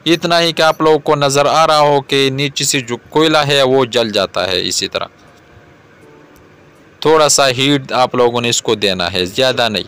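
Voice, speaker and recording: A man in his thirties from Pakistan, hosting a cooking video and calmly explaining each step to viewers outdoors. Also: medium pitch, moderate pace, clear, resonant tone. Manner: calm, repetitive explaining, addresses viewers directly. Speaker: cooking channel host. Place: outdoors in a garden yard.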